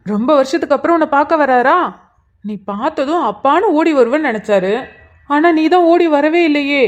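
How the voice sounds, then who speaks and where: A woman voicing a gentle young aunt coaxing a small child in a cartoon drama. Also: sits high, lively intonation, a little fast. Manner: soft, coaxing, speaking to a child. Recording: dull lo-fi sound.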